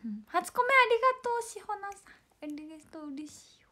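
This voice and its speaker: A young woman with a hoarse, worn-out voice, chatting casually on a livestream and thanking fans by name. She slips back and forth between bright greetings and breathy half-whispers. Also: very high-pitched, sing-song, fast. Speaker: idol livestream host. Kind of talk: casual livestream chat reading fan comments.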